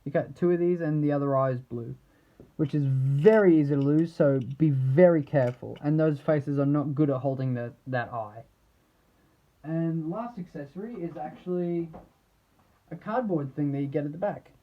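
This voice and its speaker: This man's voice runs on the high side as he reviews an action figure off the cuff, stumbling along and leaving thoughts unfinished. The sound quality is dull.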